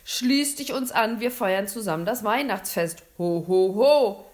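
A booming, jolly Santa Claus, huge and excitable, as a woman reads him aloud. He speaks loudly and theatrically in a storybook tale. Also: a little slow, close to an everyday voice. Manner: loud, playful, theatrical.

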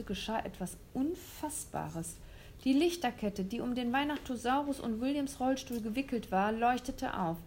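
A woman reading a children's story aloud, lively and expressive, with small slips. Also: a little high, slight background noise.

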